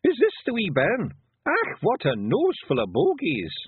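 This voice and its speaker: A tiny brawling pictsie chieftain barks in broad Scottish dialect, pitched up high and bouncing with lively swings. He is cheerful and bossy, a storybook rogue heard through a narrow, phone-like recording. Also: measured pace, husky, no room sound, full character voice. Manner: exclamatory, commanding, plain-spoken dialect talk.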